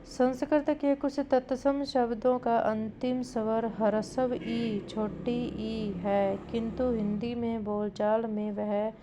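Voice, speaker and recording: A woman teacher drilling correct spellings in an exam-prep grammar lesson, deliberate and repetitive, now and then addressing her listeners directly. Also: on the high side, little pitch movement, dark tone, lo-fi sound, a little hiss or hum.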